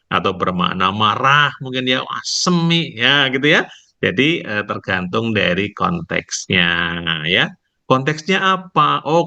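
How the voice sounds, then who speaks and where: A male lecturer teaching online, his lowish voice bright and pushing forward. He walks through each point slowly and tags it with a checking "ya". The call audio sounds muffled and lo-fi. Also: creaky. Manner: explains slowly, tags nearly every phrase with "ya". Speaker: university lecturer. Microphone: video call.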